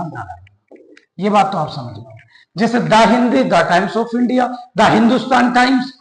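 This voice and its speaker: A man with a high voice teaches a grammar lesson. He works through each point step by step and keeps asking the class questions that he then answers himself. The sound bounces around an echoey room.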